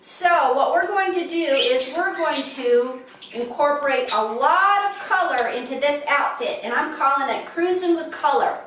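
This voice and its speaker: A chatty, upbeat woman in her fifties talks through an outfit in a high voice. She is recorded in her living room from across the room, so the sound is distant and strongly echoey. A faint hiss of room ambience sits under her voice. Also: lively intonation, measured pace, a bit bright. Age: 50s. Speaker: fashion vlogger. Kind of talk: casual show-and-tell.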